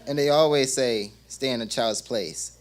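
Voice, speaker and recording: A man's voice: mid-range voice, normal speed. A young man giving a wry, reflective monologue on stage.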